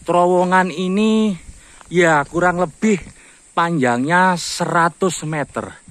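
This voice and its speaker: A man's voice: high-pitched, slow pace, slight background noise. Man's voice echoing in a tunnel. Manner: calls out loudly to hear the echo. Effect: voice echoing inside a long stone tunnel. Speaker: travel vlogger. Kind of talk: casual travel vlog narration.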